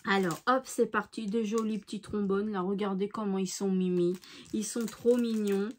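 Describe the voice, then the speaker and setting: A woman's voice: medium pitch, steady tone, moderate pace, darkish tone. A woman hosting a craft channel, opening mail and describing each piece in an effusive, admiring way, sometimes dropping to a near-whisper. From France. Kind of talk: casual mail-opening show-and-tell.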